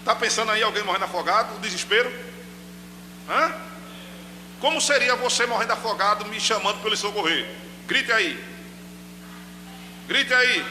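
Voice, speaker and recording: A man's voice: high voice, normal speed, pauses often, big-room sound, noisy background. A man preaching a sermon in church on a microphone, talking straight to the congregation and acting out cries. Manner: animated preaching, addresses congregation directly, acts out shouted cries. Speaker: pastor. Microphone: handheld microphone.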